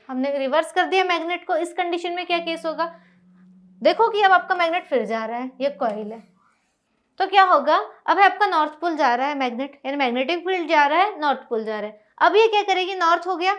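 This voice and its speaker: A woman teaching a school science lesson, explaining step by step and often asking whether it is clear. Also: very high voice. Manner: explains step by step, asks checking questions. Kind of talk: classroom lecture on a whiteboard.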